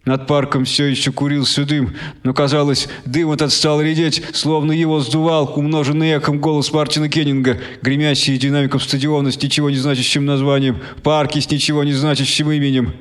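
A man reading a short story aloud as an audiobook narrator, in measured storytelling. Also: fairly high pitch, little pitch movement. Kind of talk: scripted narration.

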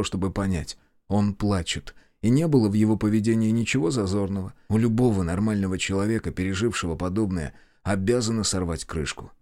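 A man reading a first-person audiobook, lively and acting out the dialogue. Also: on the low side, dry recording, clean studio sound. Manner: lively, acts out shouts and dialogue. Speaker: audiobook narrator.

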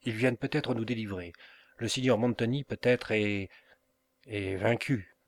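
A man voicing a gentle young heroine who speaks in a soothing yet trembling voice. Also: fairly low pitch, unhurried, no room sound. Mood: trembling urgency.

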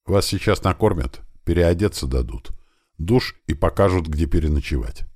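A man voicing a brisk male fighter giving loud orders in an audiobook, his voice raised a little above his own. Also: low-pitched, lively intonation, slightly rough, dry recording, clean studio sound. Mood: brisk, easygoing.

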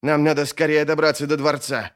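A man voicing a grim, urgent elderly royal adviser who starts low and slow, then raises his voice and presses. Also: lively intonation, a bit bright.

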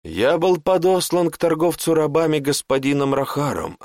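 A man voicing a polite male servant mage who speaks dryly and calmly. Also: fairly high pitch, vocal fry, no room sound, clean studio sound, voice pushed up. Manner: measured, courteous, unhurried.

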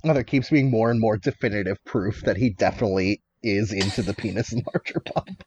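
A man co-hosting a podcast, chatting about a film with lively interjections and laughter. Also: on the low side, fairly quick, highs cut off, a little hiss or hum. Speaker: podcast co-host. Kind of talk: casual film discussion.

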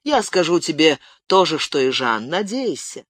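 A man's voice: a little high, big pitch swings, normal speed, no room sound, clean studio sound. A man playing a stern, angry townsman. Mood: stern, calmer. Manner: stern, clipped and forceful. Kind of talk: audiobook character voice.

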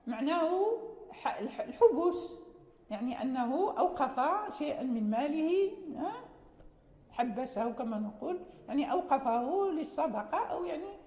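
High-voiced woman teaching in an echoey hall. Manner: patient explaining, frequent restarts and checking questions. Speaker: teacher of Quran recitation. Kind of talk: classroom lecture. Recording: echoey hall, dull lo-fi sound.

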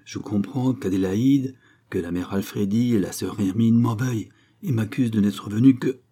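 A man's voice: fairly low pitch, normal speed, warm tone, husky. A man voicing an earnest young girl who speaks in a timid, tremulous, pleading way, in an audiobook. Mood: anxious.

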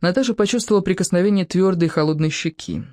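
A woman narrating a novel as an audiobook reader, in a measured storytelling manner. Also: on the low side, darkish tone, no echo, studio quality. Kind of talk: scripted narration.

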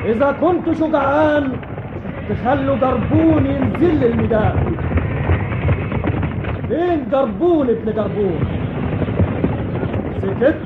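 A man's voice: very high voice, animated, a little slow, pauses often, phone-quality sound, heavy background noise. An actor playing a proud warrior king of the jinn, bold and commanding, declaiming like a roaring ruler in a theatrical radio drama. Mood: roaring defiance. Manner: declamatory, roaring battle challenges.

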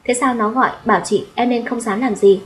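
A woman's voice: fairly high pitch, a little fast, slight background noise, rough recording. A woman reading a first-person audio story aloud and voicing its dialogue in her own voice. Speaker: audiobook narrator. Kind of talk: storytelling narration with character dialogue.

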